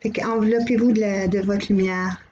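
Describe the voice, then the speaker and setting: A middle-aged woman with a Québécois accent, hosting a live channeling stream, gently relaying messages and greeting viewers by name. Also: mid-range voice, fairly even intonation, normal speed, dull audio, a little hiss or hum. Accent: Québécois French. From Quebec.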